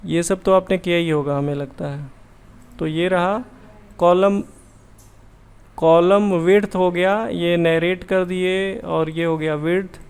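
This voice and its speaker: Male computer tutor, slightly high voice with gravel and a smooth, resonant tone, talks things through casually as he works. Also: steady tone, takes it slowly. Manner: chatty, thinks aloud, self-correcting. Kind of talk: casual screen-share tutorial.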